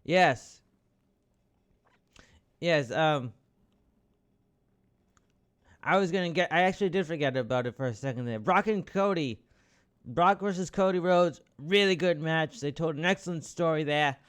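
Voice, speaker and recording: A man hosting a podcast in casual, rambling chat, with frequent restarts and the occasional curse. His voice is fairly high and comes across smooth and resonant. He keeps jumping into loud, excited outbursts. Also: moderate pace. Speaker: podcast host. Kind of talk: casual wrestling commentary.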